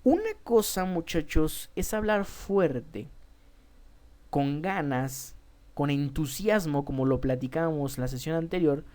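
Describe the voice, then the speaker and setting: A woman with a Mexican Spanish accent leads a public speaking lesson as a teacher. Her voice sits low and sounds mellow and relaxed. She speaks emphatically to her students, often repeating a word as she restarts. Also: slow pace.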